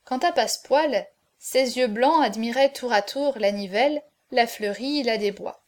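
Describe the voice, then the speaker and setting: A woman narrating a classic adventure novel in an expressive, dramatic way. Her voice sits high. Steady audiobook reading. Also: a little slow.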